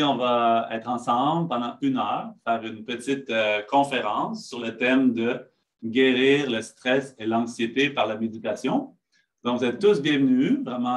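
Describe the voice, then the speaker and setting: A man opens the event as its host, greeting everyone warmly in a middle-pitched voice. His delivery is friendly but hesitant, with frequent fillers between phrases. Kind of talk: introduction.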